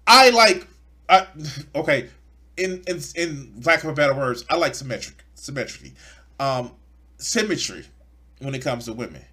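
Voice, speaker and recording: A man's voice: a little high, expressive, moderate pace, long pauses, bright, forceful tone. A man, speaking bluntly and profanely with stammering restarts as he streams an off-the-cuff reaction.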